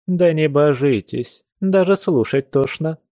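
A man's voice: a little slow, mellow, no echo, clean studio sound. A man reading an audiobook, voicing a stern, fussing old grandmother who scolds. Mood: scolding. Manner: scolding, raised higher voice.

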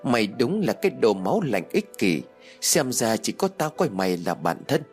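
A man's voice: fairly low pitch, sing-song, normal speed, soft background music. A man playing a proud, hurt young woman. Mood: tearful pleading. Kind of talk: audio story reading.

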